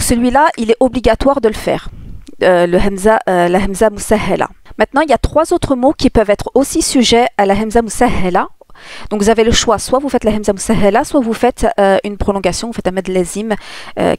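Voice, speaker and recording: A woman's voice: mid-range voice, fairly quick, darkish tone, no echo. A woman teaching a spoken lesson, explaining step by step and demonstrating sounds. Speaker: tajwid teacher.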